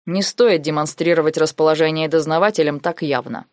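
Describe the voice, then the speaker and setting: Haughty young lord, cold and low, hushed, read by a woman in a dry storybook reading. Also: a little fast, no room sound, lightly acted. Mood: warning. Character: arrogant young male nobleman, cold, warning.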